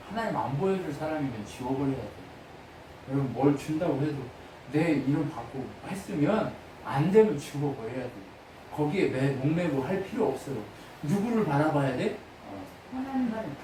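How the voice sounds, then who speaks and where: A high-pitched man preaches in a church, peppering the congregation with questions and crying out brief pleading prayers. His voice comes from some distance off the mic. Heavy reverb fills the big room, with a faint murmur behind him. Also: noisy background. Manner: acts out short pleading prayers in a raised voice. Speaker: pastor. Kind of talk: sermon. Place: church sanctuary. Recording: very echoey church hall, voice from a distance.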